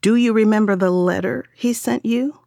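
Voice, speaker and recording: A woman voicing a smooth male TV psychic. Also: on the high side, normal speed, warm tone, no room sound, clean studio sound, voice pushed up. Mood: probing. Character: smooth middle-aged male TV psychic medium.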